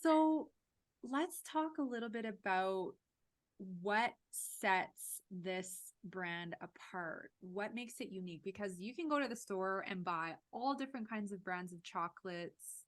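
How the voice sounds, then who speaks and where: A woman's voice: medium pitch, lively intonation, measured pace. A woman in her thirties hosting a casual interview over a video call, speaking in an enthusiastic, upbeat way. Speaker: host. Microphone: video call webcam.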